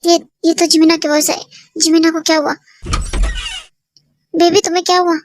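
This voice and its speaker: A young performer voicing a worried young man who keeps begging his crying partner to calm down. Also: extremely high pitch, normal speed. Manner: soothing, repetitive, worried. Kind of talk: Hindi fan dub drama.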